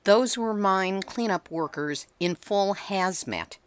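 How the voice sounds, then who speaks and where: A woman reporter narrating a news feature in a measured, steady way. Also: medium pitch. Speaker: radio reporter.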